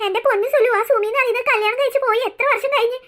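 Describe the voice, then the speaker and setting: Lady doing a gruff cartoon husband who snaps fast, bright and high for a guy. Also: steady tone. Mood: puzzled. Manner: gruff, scolding. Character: stern middle-aged husband, short-tempered. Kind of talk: cartoon dubbing.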